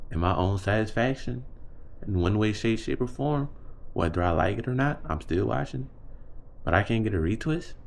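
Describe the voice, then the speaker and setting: A nineteen-year-old man rambling casually to camera in slangy speech, sometimes dropping into a deep voice and rhyming. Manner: slangy, drifts into a deep put-on voice and freestyle rhymes. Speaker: vlogger.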